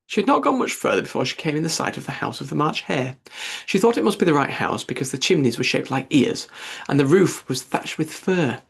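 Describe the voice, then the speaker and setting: A man narrating a classic children's story as an audiobook reader, in an expressive storybook manner. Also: a little high, a little fast, creaky, slightly rough. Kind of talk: scripted narration.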